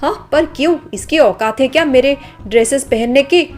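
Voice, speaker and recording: A woman's voice: high-pitched, normal speed, soft background music, natural voice. A woman voicing an arrogant, spoiled young woman from a rich family who scolds and sneers, in a storybook drama. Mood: haughty scolding.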